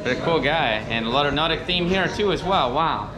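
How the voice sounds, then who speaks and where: Holding an action camera at arm's length, a man in his thirties vlogs his travels at a seaside restaurant and promenade, both indoors and outside. He's enthusiastic and keeps saying "wow," his fairly high, expressive voice moving a little fast while a crowd murmurs behind him.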